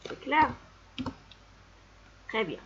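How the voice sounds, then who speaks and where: Slow, patient woman teaching reading. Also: lo-fi sound, slight background noise. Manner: slow, patient, repeats sounds and words for pupils. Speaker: primary school teacher. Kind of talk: reading lesson for young children.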